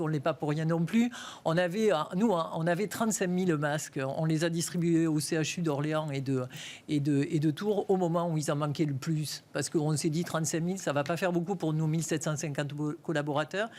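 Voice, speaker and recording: A middle-aged woman speaks with a lilting southwestern French accent from Toulouse. She answers interview questions about her work, pausing often and restarting as she hunts for the right words. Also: low voice, a little mellow. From Toulouse, France. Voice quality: sing-song accent. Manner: halting, searching for words. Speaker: bank executive guest.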